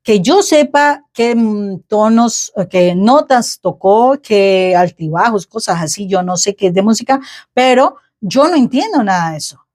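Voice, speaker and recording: A woman's voice: mid-range voice, lively intonation, unhurried, darkish tone. Woman preaching in a chatty way. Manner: conversational, asks the listener for agreement, with many rhetorical questions. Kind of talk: informal sermon.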